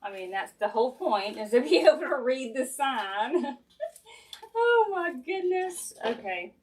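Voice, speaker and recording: A woman's voice: on the high side, normal speed, darkish tone, slightly rough. Chatty Southern woman crafting on a livestream. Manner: chatty, folksy, addressing viewers directly. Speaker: craft maker hosting a live stream. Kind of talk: casual crafting livestream chat, thinking aloud while working. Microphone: sensitive live-stream camera mic.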